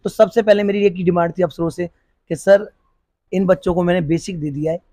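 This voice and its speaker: A man's voice: sits high, steady tone, brisk, dark tone, no echo. A middle-aged man, a police officer who runs a school, answering interview questions earnestly, often restarting his sentences. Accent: Hindi. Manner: earnest, repeats and restarts while searching for words.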